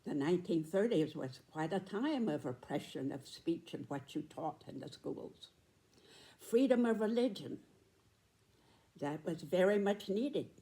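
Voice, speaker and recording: A woman in her nineties giving a reflective spoken commentary, with deliberate, emphatic phrasing and pauses. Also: deep voice, warm tone. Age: 90s.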